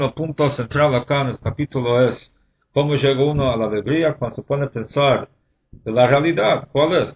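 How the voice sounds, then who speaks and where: A man gives a religious class as a rabbi, talking it through steadily and stopping now and then with a hesitant "eh". His voice sits at an ordinary middle pitch. The recording sounds dull and muffled. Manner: measured, pauses often with "eh" while explaining. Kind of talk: explanatory religious lesson.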